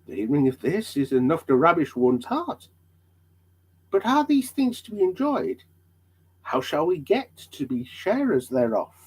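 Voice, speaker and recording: Man acting an eager, hammy, high-voiced traveller. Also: sing-song, a little slow, slightly rough, exaggerated voice. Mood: delighted. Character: Pliable, eager, credulous, curious male traveller. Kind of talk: dramatic reading of old allegory.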